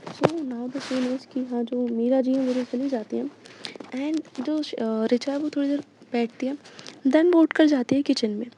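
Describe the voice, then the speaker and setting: A woman's voice: sits high, fairly even intonation, measured pace, noisy background. Chatty young woman telling a story. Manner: chatty, full of fillers. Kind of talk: casual audio-story retelling. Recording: dull lo-fi recording.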